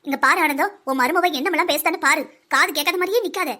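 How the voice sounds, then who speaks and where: A woman's voice: quick pace, sharp tone. A woman voicing a bossy, chatty older village mother-in-law in a cartoon, with a southern Tamil Nadu accent and a girlish voice. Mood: scolding. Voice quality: high, girlish voice for her age. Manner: teasing, bossy scolding. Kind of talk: village comedy cartoon dub.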